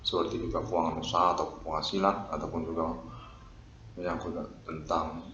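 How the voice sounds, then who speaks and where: A man reading a stiff, repetitive formal statement with long pauses. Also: a bass voice, flat delivery. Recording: lo-fi roomy recording with noise.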